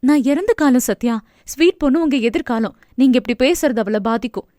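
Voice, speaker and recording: A woman voicing a cheerful, affectionate young wife who coaxes and gently scolds. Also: high-pitched, expressive, fairly quick, no room sound, clean studio sound. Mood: coaxing.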